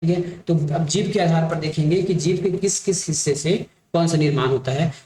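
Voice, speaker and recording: A male teacher with a slightly high voice gives an exam-prep grammar lesson. He walks through each point patiently, repeats himself and keeps checking that his students follow. The sound is echoey, with a faint hum in the background. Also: brisk, mellow.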